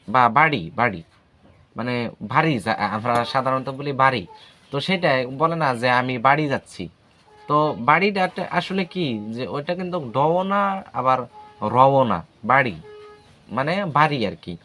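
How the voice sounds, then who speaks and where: A man teaching the alphabet in a casual video lesson, patient and hesitant, saying letters aloud slowly one by one. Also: medium pitch, sharp tone. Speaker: language teacher.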